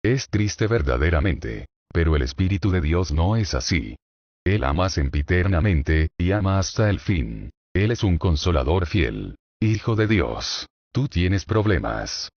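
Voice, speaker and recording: Very animated and a touch slow, a deep-voiced man reads a sermon with weighty, declamatory solemnity, building each point through rhetorical questions. His pitch sits very low. The recording is lo-fi and dull, lacking any echo.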